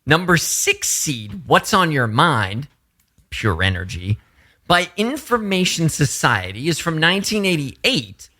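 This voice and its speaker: A man co-hosting a podcast in casual chat, animated and quick to laugh. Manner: animated, laughs often, swoops up in pitch. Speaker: podcast co-host.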